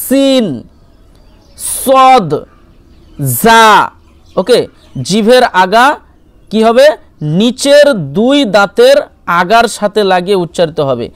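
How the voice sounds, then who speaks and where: High-voiced man drilling Arabic letter sounds. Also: lively intonation, clear, resonant tone, no room sound. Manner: patient, repeats each letter sound slowly several times. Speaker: teacher. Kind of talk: Quran pronunciation lesson.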